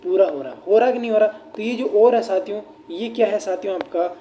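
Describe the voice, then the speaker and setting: Male teacher, dark voice. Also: high voice, a little hiss or hum. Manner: repeats rhetorical questions to students; slows down to dictate examples. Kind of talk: exam paper answer walkthrough.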